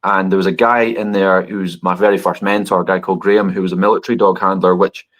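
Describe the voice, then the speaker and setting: Thoughtful, lower-voiced man in his thirties. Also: flat delivery, quick pace, a bit bright. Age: 30s. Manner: thoughtful, hesitant with restarts. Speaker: dog trainer and guest. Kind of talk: conversational podcast interview.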